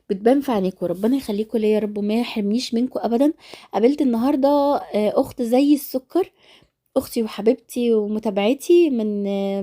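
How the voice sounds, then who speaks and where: Fast-talking Egyptian woman with a stuffy nose. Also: on the high side, dark tone. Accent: Egyptian Arabic. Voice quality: congested, nasal from a blocked nose. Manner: rambling, familiar address to followers. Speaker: vlogger. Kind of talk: casual chatty vlog voice-over.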